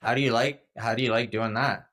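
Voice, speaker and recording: A man's voice: medium pitch, fairly even intonation, fairly quick, a bit bright. A man co-hosting an interview, asking short, friendly questions and reacting with encouragement.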